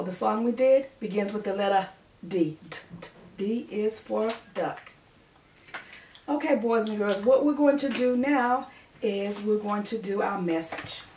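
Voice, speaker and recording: Slow, high-voiced woman teaching young children. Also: a little mellow. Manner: simple, repetitive phrasing addressed to young children. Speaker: preschool teacher. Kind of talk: children's lesson to camera. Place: living room or study at home. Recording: roomy, distant mic, faint noise.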